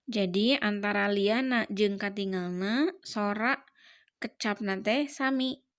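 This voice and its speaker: A woman's voice: medium pitch, slow. A woman teacher with a Sundanese accent giving a lesson, explaining each point and then repeating it more simply. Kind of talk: classroom lesson.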